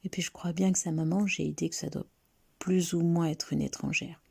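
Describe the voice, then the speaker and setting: A woman voicing a gossiping small-town neighbor who confides scandal in hushed, shocked tones. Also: fairly low pitch, fairly even intonation, brisk, creaky, breathy edge.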